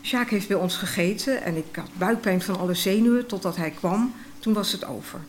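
A woman reading a first-person diary story aloud in a reflective, expressive way. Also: medium pitch, normal speed, slight background noise.

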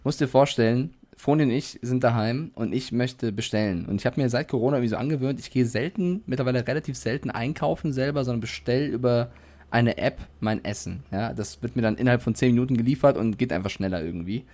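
A man's voice: medium pitch, fast, a little mellow. A man co-hosting a podcast, chatting casually and telling self-mocking anecdotes with frequent laughter. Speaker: podcast co-host. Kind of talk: casual chat.

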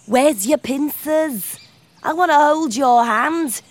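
A woman voicing a nosy, mischievous female beetle with a creaky, slow, teasing way of talking. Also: high voice. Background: music.

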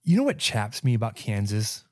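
A man of thirty-five co-hosting a sports podcast, telling stories in casual chat with quick stammering restarts. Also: fairly low pitch, dry recording, clean studio sound. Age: 30s. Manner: animated storyteller, stammering restarts. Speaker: podcast co-host.

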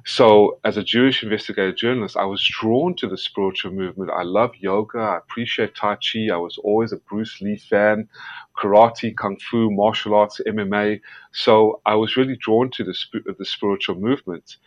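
A South African man, appearing as a guest investigative journalist, answers interview questions earnestly and emphatically, often stumbling and repeating words. His lowish voice keeps a steady tone at a moderate pace. The lo-fi recording sounds dull and dry, with no echo.

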